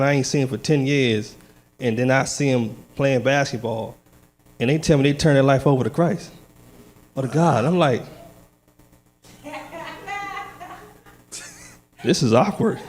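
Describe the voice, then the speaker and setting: A lay speaker gives a personal testimony and short sermon at church, casual and earnest, laughing often. He starts out nervous but turns firm and declarative, his voice a little high with a darkish tone.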